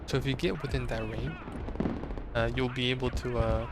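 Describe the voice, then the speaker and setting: A man casually commentates his own strategy game match, with game gunfire and explosions in the background. His mid-range voice is steady in tone and normal in speed, though strained and sore. He rambles with many fillers and restarts.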